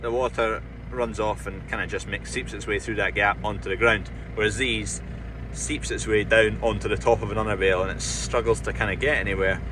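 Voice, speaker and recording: A man's voice: on the low side, steady tone, fairly quick. A Scottish man, a farmer, talking casually through his work on the farm, practical and self-deprecating as he explains. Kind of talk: casual farm vlog narration. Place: outdoors on a farm. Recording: noisy outdoor farm recording.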